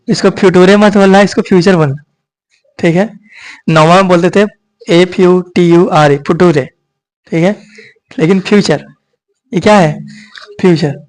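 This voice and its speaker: "ठीक है" and "यही ना" come up again and again as this coaching teacher checks that his students understand his grammar lesson. His voice is male, high, and light, with a lilt, and he keeps tossing out questions that he then answers himself.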